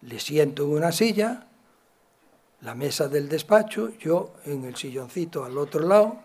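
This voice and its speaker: A man from gives a talk, telling stories from his work as a psychologist and acting out the dialogue with big swings in loudness. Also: on the high side, measured pace. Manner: animated, acts out dialogue with shifts in loudness. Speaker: psychologist and educator giving a talk. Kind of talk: storytelling lecture.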